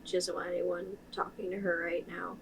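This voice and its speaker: A woman's voice: fairly low pitch, level tone, normal speed, creaky, slight background noise. A woman playing in a tabletop game, narrating her character's actions. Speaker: player. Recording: distant mic with faint ambience.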